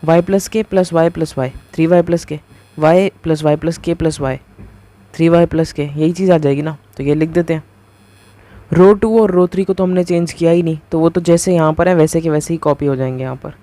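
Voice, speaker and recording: Mellow-voiced man teaching math. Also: a little high, steady tone, fairly quick. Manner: conversational, keeps asking the viewer rhetorical questions; talks through each step while writing. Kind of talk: casual whiteboard lecture.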